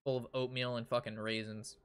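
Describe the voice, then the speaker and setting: Here the streamer's voice is mid-range and level, brisk, a bit bright and smooth. During a card game he rants to his stream chat in casual storytelling, profane and exasperated, going back over the same phrases.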